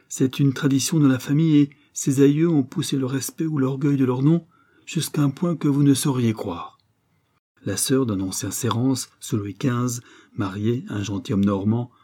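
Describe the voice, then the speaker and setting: A man voicing a gentle, tearful elderly noblewoman and grandmother in an audiobook, speaking with soft, earnest pleading. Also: mid-range voice, breathy edge, lightly acted. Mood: warm, insistent.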